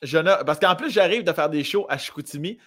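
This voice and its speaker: A man with a Quebec French accent hosting a casual chat over a video call, animated, laughing and swearing often. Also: a little high, fairly quick. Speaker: host.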